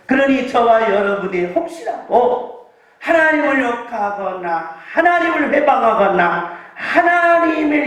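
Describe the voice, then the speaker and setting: A man's voice: very high voice, fairly bright tone. A male pastor preaching a fervent sermon, firing rhetorical questions and leading the congregation in call-and-response. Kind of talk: impassioned sermon. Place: church sanctuary. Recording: very echoey hall, mic far off.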